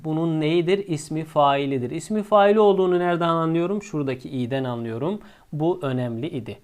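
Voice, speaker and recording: A male teacher explaining a lesson step by step, asking himself questions and answering them, and drawing out the key words slowly. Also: fairly high pitch, a little mellow, smooth.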